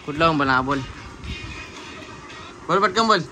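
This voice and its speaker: A man's voice: on the high side, animated, a little slow, over music. A young man hosting a casual family vlog, chatty and playfully teasing the kids around him. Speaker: vlogger. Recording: noisy phone vlog audio.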